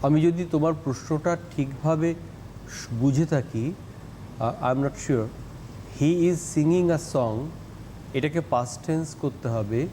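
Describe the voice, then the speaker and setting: A man's voice: fairly high pitch, slow, dark tone, slight background noise. A male teacher, giving a TV lesson on English grammar and stressing his words and syllables. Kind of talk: TV classroom lesson.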